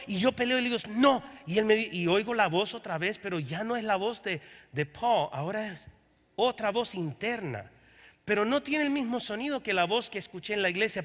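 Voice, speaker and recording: A man's voice: high-pitched, sharp tone. A man preaching a sermon as pastor, telling his story with quoted dialogue. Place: church service. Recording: long hall reverb from a church room.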